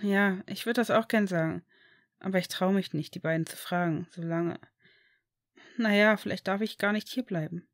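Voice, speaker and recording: A woman voicing an eager, excitable eleven-year-old boy in a storybook reading. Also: medium pitch, normal speed, no room sound, clean studio sound, close to an everyday voice. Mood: sad.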